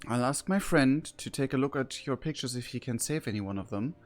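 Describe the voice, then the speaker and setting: A man's voice: mid-range voice, a little fast, faint music behind. A man playing a tabletop role-playing game, talking hesitantly with many ums and apologies. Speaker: player.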